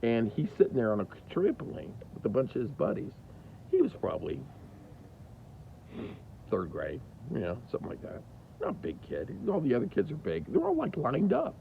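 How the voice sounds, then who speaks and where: A man in his fifties telling a candid personal story about his kids, animated, with big jumps in pitch. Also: normal speed, gravelly. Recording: dull lo-fi recording with faint hiss.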